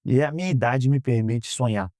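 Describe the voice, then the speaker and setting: A Brazilian man in his thirties answering interview questions in an earnest, measured way, often ending phrases with a questioning tag. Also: mid-range voice, darkish tone, no echo, clean studio sound. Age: 30s. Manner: earnest, measured, frequent "né?" tags. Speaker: guest, politician. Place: podcast studio.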